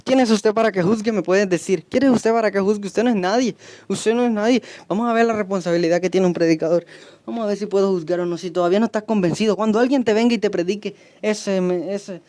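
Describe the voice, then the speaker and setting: A man's voice: high voice, darkish tone, a little hiss or hum. A young man preaching a stern sermon, hammering his points with repeated commands.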